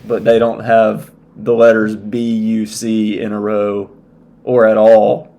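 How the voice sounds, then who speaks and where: A man on a casual sports podcast, talking in a deliberate, nitpicking way. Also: fairly low pitch, monotone, dark tone, lo-fi sound. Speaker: podcast co-host.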